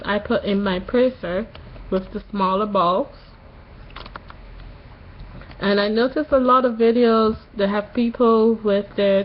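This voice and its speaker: A woman in her late twenties giving a casual personal update in a halting way, a little tired and recovering from tonsil surgery that morning. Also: medium pitch, dull audio, a little hiss or hum. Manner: slow, halting delivery with long pauses. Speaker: vlogger.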